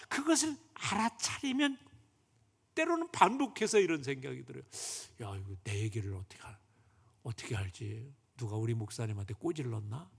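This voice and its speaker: A male pastor giving a Sunday sermon in a church sanctuary, swinging from loud emphasis down to whispers. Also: sits high, creaky. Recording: long church hall reverb.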